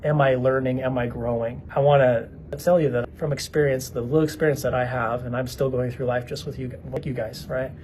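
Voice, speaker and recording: A man's voice: medium pitch, steady tone, brisk, hardly any pauses, darkish tone, a little hiss or hum, poor audio. A man in his thirties earnestly telling personal stories to his viewers, reflective and conversational. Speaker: vlogger. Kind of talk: reflective personal storytelling to camera.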